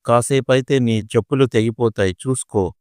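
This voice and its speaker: A blunt lawyer mocks and scolds the bride in an audio storybook, read by a man. The voice is dark and dry, the scolding loud. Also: mid-range voice, moderate pace, no room sound, close to an everyday voice. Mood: mocking.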